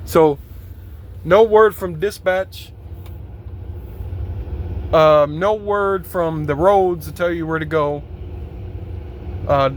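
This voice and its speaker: A man's voice: on the high side, slight background noise. A man who drives a truck, venting in a loose, rambling vlog rant full of swearing and aggravated complaints. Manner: heavily profane, aggravated complaining; loose, rambling with fillers and repeats.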